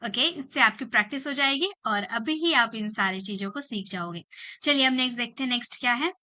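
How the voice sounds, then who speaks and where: A woman teaching a beginners' English lesson, repeating each example and saying the English lines slowly. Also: on the high side, sharp tone.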